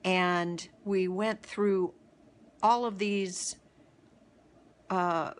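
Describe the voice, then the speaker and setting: A middle-aged woman hosting a daily video series tells a reflective personal story, often halting, pausing, and restarting. Her voice is mid-range and steady in tone.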